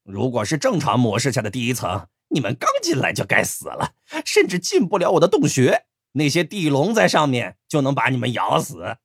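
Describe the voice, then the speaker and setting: A man's voice: medium pitch, wildly swooping pitch, a little fast, vocal fry, breathy edge, no room sound, studio quality, full character voice. A man voicing a big childlike male mole who is greedy and dangerous, mumbling as he eats. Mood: casual. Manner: mumbling, playful, then sly. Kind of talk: audiobook character voice.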